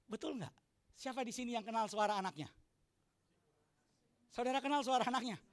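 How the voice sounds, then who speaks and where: A man preaching a sermon to a congregation as pastor, often shouting for emphasis and asking the congregation questions with jokes. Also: very high-pitched, a little fast. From Indonesia. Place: church hall.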